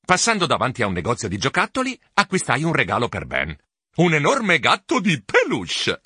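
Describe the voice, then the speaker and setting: Bright, animated male storybook narrator. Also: medium pitch, moderate pace, breathy edge, no room sound, clean studio sound. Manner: animated, expressive reading. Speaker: audiobook narrator. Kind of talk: first-person storybook narration.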